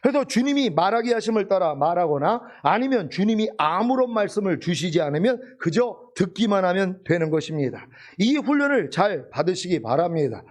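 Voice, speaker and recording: Male pastor, high voice, very lively pitch, emphatic sermon with rhetorical questions. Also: brisk.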